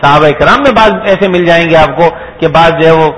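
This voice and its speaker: A man's voice: on the high side, a bit bright, rough recording. A man giving a sermon, explaining patiently and asking his listeners rhetorical questions. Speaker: Islamic preacher.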